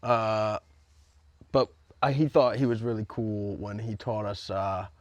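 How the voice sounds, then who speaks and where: A man's voice: on the low side, a little slow, dry recording, lo-fi sound. A young man co-hosting a podcast, chatting casually with a wry, teasing manner. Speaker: podcast co-host. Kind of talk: casual chat.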